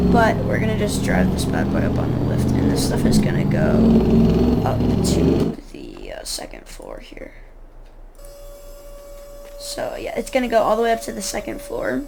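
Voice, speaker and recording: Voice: mid-range voice, creaky. A speaker narrating a casual role-play as a car shop owner, rambling and often correcting themselves. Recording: noisy recording.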